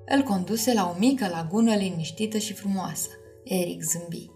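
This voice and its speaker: A woman reading a children's storybook aloud in an expressive, measured way. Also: medium pitch. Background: faint music.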